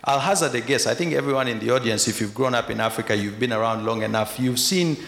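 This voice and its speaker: A man's voice: medium pitch, fast, vocal fry, fairly bright tone. A man from Uganda argues his point frankly on a conference panel, restarting his sentences as he goes. His voice carries a long reverb from a large hall. Faint noise sits underneath. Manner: candid, frank, argumentative with restarts. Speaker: panelist, investor.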